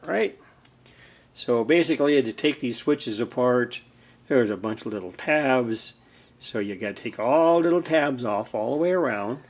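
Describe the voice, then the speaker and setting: A hobbyist host of a home repair video recorded indoors chats casually in a mid-range voice, unhurried, rambling and folksy.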